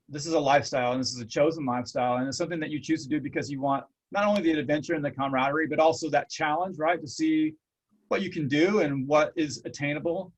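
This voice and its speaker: A man's voice: on the high side, poor audio. A middle-aged man, hosting an interview in an earnest, rambling, reflective way. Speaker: host. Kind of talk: casual interview.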